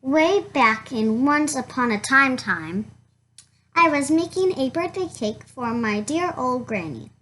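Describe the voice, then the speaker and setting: A woman voicing a chatty, defensive male wolf from a children's storybook, with halting, protesting delivery. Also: sits high, lively intonation, a bit bright, heavily acted, low-quality recording. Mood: chatty, incredulous. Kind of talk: children's storybook read-aloud in first person.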